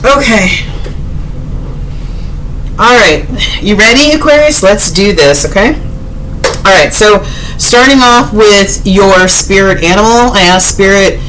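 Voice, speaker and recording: A woman's voice: medium pitch, animated, slow pace, pauses often, a bit bright, slight background noise, low-quality recording. A woman, chatting directly to viewers in a casual tarot reading, with many fillers. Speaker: tarot reader.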